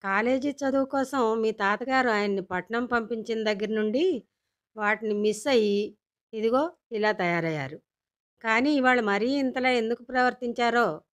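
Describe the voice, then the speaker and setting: A woman's voice: fairly high pitch, moderate pace, lightly acted. Storybook mother, practical and exasperated, patient but dry; a woman reads her. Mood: explaining. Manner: explaining patiently, with dry grumbles.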